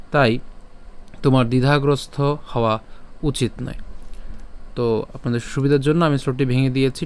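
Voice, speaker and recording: A man leads a patient pronunciation lesson in a smooth, resonant voice. He drills syllables slowly, says each word several times, then chants the full verse at an unhurried pace. His pitch sits at an ordinary middle level for a man. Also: a little mellow. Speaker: scripture recitation teacher.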